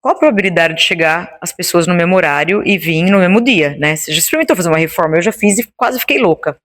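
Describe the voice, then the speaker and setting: A woman's voice: lowish voice, quick pace. A woman being interviewed about her project, telling a story casually and acting out the dialogue in it. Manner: animated, acts out the dialogue in her stories. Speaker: interview guest, founder of a women's Bible study.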